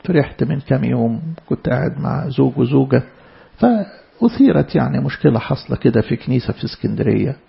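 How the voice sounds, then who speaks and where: A man's voice: mid-range voice, expressive, brisk, vocal fry, highs cut off. A man with an Egyptian accent preaching a sermon to church servants, emphatic, often repeating and stumbling over words. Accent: Egyptian Arabic.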